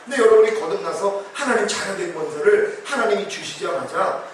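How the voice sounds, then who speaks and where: A man's voice: high voice, animated, brisk, a little hiss or hum. A male pastor preaching an emphatic revival sermon, acting out quoted prayers. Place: church hall. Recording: very echoey hall, distant mic.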